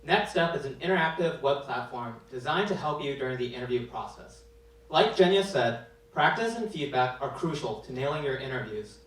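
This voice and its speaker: A man's voice: medium pitch, expressive, moderate pace, fairly bright tone. A man giving a proud, scripted presentation as a developer. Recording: echoey hall mic from a distance.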